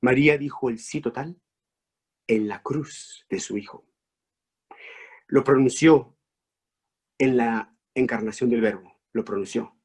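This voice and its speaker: A man from Mexico, a priest, preaching a reflection with emphatic rhetorical questions and sweeping rises in pitch. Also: takes it slowly, pauses often, husky. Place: online talk.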